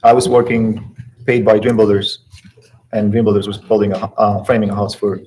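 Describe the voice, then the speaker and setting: A man in his forties from Poland with a Polish accent, giving quiet, hesitant testimony as a witness in a courtroom. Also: on the low side, level tone, normal speed, slight background noise, low-quality recording. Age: 40s. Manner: quiet, hesitant, short answers.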